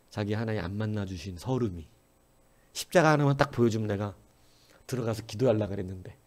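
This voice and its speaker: A pastor's sermon story comes alive in church as he voices the quotes and lets his pitch swing up and down. He speaks with lots of energy and a darkish tone.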